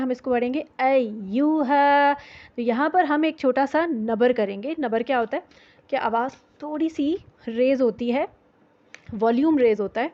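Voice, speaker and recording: High-voiced woman teaching recitation. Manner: patient, repeats sounds to demonstrate them. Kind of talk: explaining recitation rules. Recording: dull lo-fi audio.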